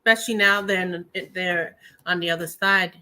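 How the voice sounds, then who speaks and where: A woman's voice: fairly low pitch, steady tone, moderate pace, bright, forceful tone. A woman hosting a show in a casual, conversational, slightly rambling chat style. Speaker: host of a tarot and spirit talk show.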